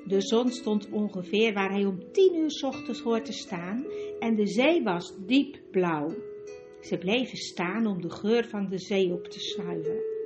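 A woman narrating a storybook in a calm, even way. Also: medium pitch, measured pace. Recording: dull recording with music behind.

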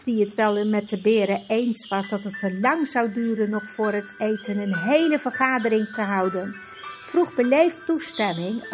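A woman reading a children's fantasy story aloud in steady storybook narration. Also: a little high. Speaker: audiobook narrator. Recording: dull lo-fi with faint music.

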